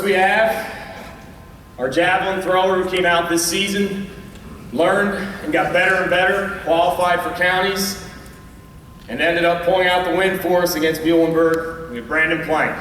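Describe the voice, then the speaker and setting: An American man, a coach, giving a prepared awards speech in an earnest, measured way to an audience. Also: high voice, fairly even intonation, fairly bright tone. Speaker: high school track coach. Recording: echoey hall, far from the mic, faint noise.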